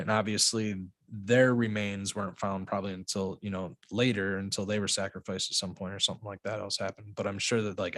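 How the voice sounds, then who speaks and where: A man with a Midwestern American accent hosts a casual podcast, his voice on the low side. He rambles, circles back and restarts his sentences. The sound is close and dry, with no room echo. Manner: rambling, with many restarts and fillers. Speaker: podcast host.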